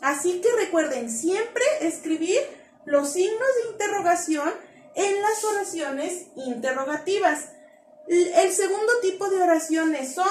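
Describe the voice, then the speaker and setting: A woman with a very high voice teaches young children a grammar lesson, talking in a lively, coaxing way and constantly asking the class questions. The sound echoes as if in a bare room, with a little hiss or hum.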